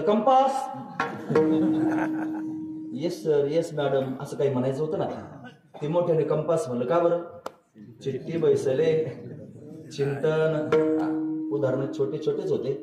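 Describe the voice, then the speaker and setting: A man's voice: on the high side, dark tone. A man preaching a devotional kirtan sermon, telling stories, asking the audience questions and chuckling now and then. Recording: echoey hall recorded from a distance, faint music.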